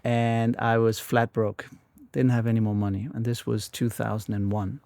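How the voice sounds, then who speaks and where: A man in his forties with a Danish accent, telling his life story as a guest in a halting, repeating way. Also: mid-range voice, level tone, creaky, darkish tone, no room sound. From Denmark. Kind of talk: casual interview storytelling. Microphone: studio microphone.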